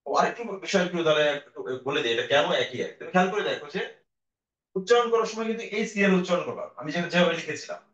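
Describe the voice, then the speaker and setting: A man's voice: sits high, lively intonation, fairly bright tone. A male teacher giving a recorded class lecture, explaining patiently and sounding out vowels for his students. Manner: explains slowly, demonstrates vowel sounds aloud; addresses students directly, patient. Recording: dull, echoey room audio.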